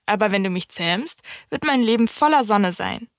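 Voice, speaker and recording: A woman voicing a wise, wistful fox in an audiobook reading, speaking in a calm, thoughtful, explaining way. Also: mid-range voice, moderate pace, no room sound, clean studio sound, lightly acted.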